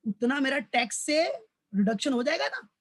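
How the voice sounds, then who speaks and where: With an extremely high, fairly bright and animated voice at normal speed, a male college commerce lecturer teaches tax in a recorded Hindi-English lecture. He calls his students "beta" in a fatherly way, says everything twice and keeps asking questions he answers himself.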